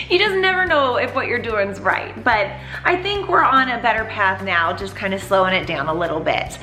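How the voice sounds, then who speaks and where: A woman's voice: high voice, sharp tone. A young woman and mother talking candidly in a casual home vlog, sometimes praising her toddler in a sing-song voice. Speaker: mother and vlogger.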